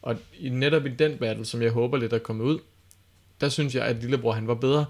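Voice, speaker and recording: A man's voice: medium pitch, fairly even intonation. A man co-hosting a podcast, talking casually and explaining his reasoning step by step. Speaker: podcast co-host and battle judge.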